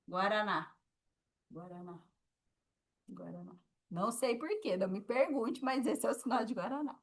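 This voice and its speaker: A woman's voice: fairly high pitch, animated, a little fast, darkish tone, husky. A woman with a Brazilian Portuguese accent teaching a sign language class, explaining patiently and checking in with her students often.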